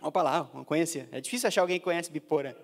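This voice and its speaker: A man from northern Paraná speaks to a small room in a casual, conversational lecture, leaning on fillers as he goes. His voice sits fairly high for a man. A long reverb trails behind his words, so the room rings after each phrase. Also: racing. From northern Paraná, Brazil. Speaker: guest speaker. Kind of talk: business lecture.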